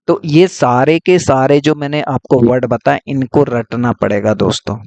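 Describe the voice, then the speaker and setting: A man's voice: medium pitch, measured pace, a little mellow. A man teaching English grammar, explaining patiently and repeating key points with frequent checks. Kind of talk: classroom-style lesson.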